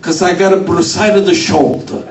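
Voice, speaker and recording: A man's voice: high voice, steady tone, a little fast, reverberant, distant mic, close to an everyday voice. A man playing a scheming old immigrant grandfather who speaks broken English mixed with dialect. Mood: coaxing.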